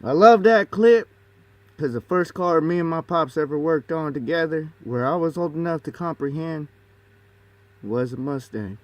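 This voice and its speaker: A man's voice: on the high side, animated, normal speed, muffled recording. A man hosting a livestream, chatting casually in slang while reacting to clips. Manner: loose slangy street talk. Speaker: livestream host.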